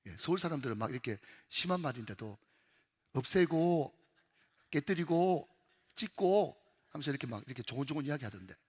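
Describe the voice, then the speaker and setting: A man's voice: a little high, animated, a little fast, slightly rough, big-room sound. A male pastor with a Gyeongsang accent preaching an emphatic sermon in a church, repeatedly calling out to the congregation. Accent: Gyeongsang Korean. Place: church sanctuary.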